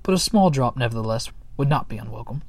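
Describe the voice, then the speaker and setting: A man's voice: medium pitch, animated, quick pace, dry recording, natural voice. A man voicing a gloomy, pompous old male muskrat who fancies himself a philosopher, speaking in a lofty, dismissive way.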